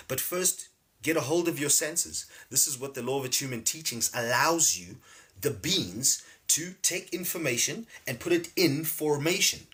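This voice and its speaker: A man teaching casually on a livestream, animated, repeating words and laughing often. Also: mid-range voice. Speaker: spiritual teacher streaming live. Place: home livestream setup.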